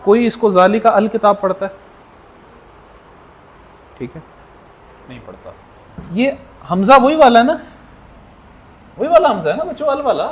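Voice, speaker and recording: A man's voice: very high voice, very animated, a little slow, pauses often. A man teaching a language class as the lecturer. He repeats questions back to his students and drills the answers. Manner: addresses the class as children. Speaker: Arabic teacher.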